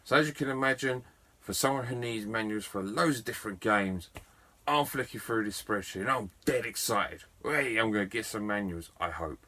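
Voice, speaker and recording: A man's voice: on the low side, moderate pace, sharp tone. A middle-aged man, a game collector telling a story to camera in a chatty, enthusiastic and self-mocking way. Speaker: video game collector vlogger.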